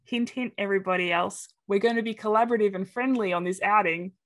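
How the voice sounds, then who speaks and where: A woman with an Australian accent giving a webinar presentation over a webcam video call, animated and acting out quoted reactions in different voices. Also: mid-range voice, fast. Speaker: presenter of an inclusion talk.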